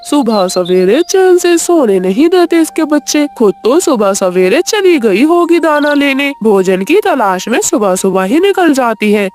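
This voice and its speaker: Angry bully crow, male, for a cartoon, played by a woman; scolding and threatening, a little high. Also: darkish tone. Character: grumpy male crow neighbor, short-tempered bully. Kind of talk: cartoon voice acting.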